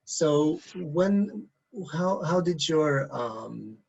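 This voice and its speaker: A man's voice: fairly high pitch, expressive, vocal fry, darkish tone, slightly rough, dull audio. A man interviewing a dance couple, asking questions with frequent restarts. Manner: halting questions with many restarts.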